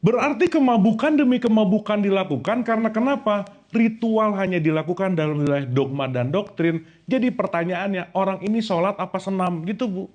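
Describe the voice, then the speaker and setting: A man preaching a lively sermon to a live audience, joking and quizzing them with questions. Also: sits high, a little fast. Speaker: Islamic preacher.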